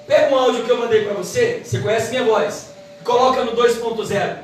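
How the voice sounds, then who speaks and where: A woman's voice: fairly high pitch, darkish tone, a little hiss or hum. Woman teaching in an echoey church. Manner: quick, emphatic preaching delivery. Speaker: Bible teacher. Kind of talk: church Bible lesson. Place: church hall. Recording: echoey hall, mic from far off.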